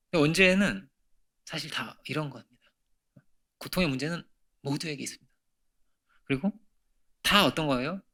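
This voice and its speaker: A man in middle age preaches a Sunday sermon from a church pulpit. His voice is bright and forward, sitting a little high for a man. He keeps the tone conversational, throws rhetorical questions to the room, and moves between emphatic peaks and hushed near-whispers. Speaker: pastor. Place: church sanctuary.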